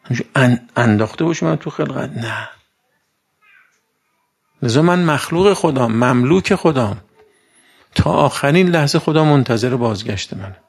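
Gravelly-voiced male preacher. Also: mid-range voice, expressive, pauses often. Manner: colloquial, asks the audience rhetorical questions. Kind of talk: conversational sermon.

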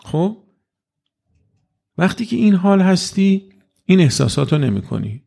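A man with a somewhat high, gravelly voice delivers an informal religious talk. He speaks to his listeners in an easy conversational way. He often acts out little dialogues, his pitch jumping up for the quoted lines. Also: big pitch swings, dark tone. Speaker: religious lecturer.

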